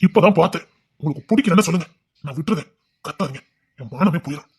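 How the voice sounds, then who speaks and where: A young actor playing a stubborn, proud village son in a family drama, pleading with his parents in an earnest, insistent tone. His voice is husky and a touch high, and the words tumble out fast. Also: animated, exaggerated voice.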